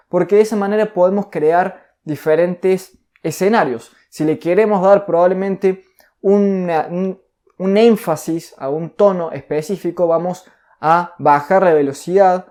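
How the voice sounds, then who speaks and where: A man teaching a recorded online course on communication. He speaks deliberately, speeding up, slowing down and raising and lowering his pitch to demonstrate his points. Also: mellow.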